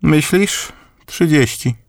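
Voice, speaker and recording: A man voicing a crude, sharp-tongued grandmother nearly eighty in an audiobook. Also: fairly high pitch, animated, takes it slowly, gravelly, dry recording, studio quality, voice pushed up, heavily acted. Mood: curious. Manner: testy, crude, curt. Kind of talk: audiobook reading.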